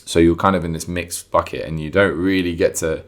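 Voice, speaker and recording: A young man from London talks in a deep voice with a strong local accent. He chats casually and informally, leaning on slang and putting emphasis on his points. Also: steady tone, fairly quick. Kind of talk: casual chat.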